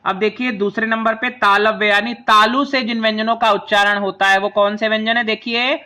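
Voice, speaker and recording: Bright, high-voiced man teaching grammar. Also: flat delivery. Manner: slow, patient, spells out each sound one by one; asks the class to say the sounds along with him. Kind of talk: classroom lesson explaining a chart.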